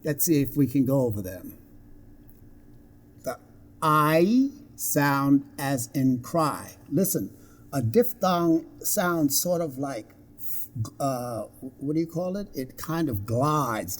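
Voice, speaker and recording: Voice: medium pitch, big pitch swings, a little slow, darkish tone. An English pronunciation teacher giving a live lesson, modelling each sound and repeating it several times.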